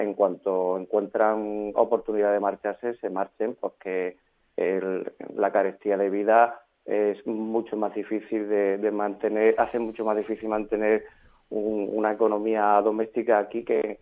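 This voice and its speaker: Man calling in on a phone, tinny line, lowish voice, ums a lot. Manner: hesitant, thoughtful, many fillers. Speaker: police association spokesman. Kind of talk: radio interview answers.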